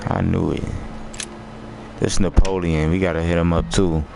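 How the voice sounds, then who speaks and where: American dude streaming a game, real low croaky voice, slangy, noisy background. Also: male voice, little pitch movement, moderate pace. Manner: slangy, informal. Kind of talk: casual live game commentary.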